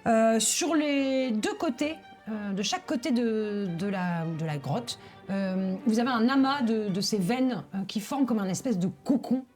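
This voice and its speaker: Woman game master narrating over soft music. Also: on the high side, expressive, unhurried. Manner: hesitant, searching for words, descriptive. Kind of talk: improvised tabletop game narration.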